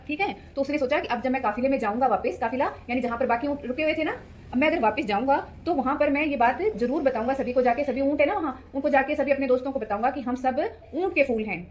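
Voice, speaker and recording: High-voiced woman reading a story to kids. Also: a little hiss or hum. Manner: asks listeners questions and explains. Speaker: teacher. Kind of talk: reading a story aloud to children. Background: background music.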